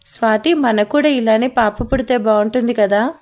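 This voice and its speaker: A man's voice: very high-pitched, normal speed. A woman voicing a fond, affectionate young husband in a spoken family story. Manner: fond, coaxing.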